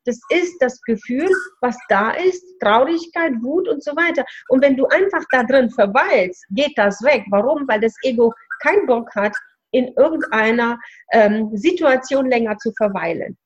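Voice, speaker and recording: A woman's voice: a little high, expressive, moderate pace, slightly rough, highs cut off. A woman giving instructive coaching advice in a casual conversation. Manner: explaining, instructive. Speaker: spiritual coach. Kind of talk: coaching talk.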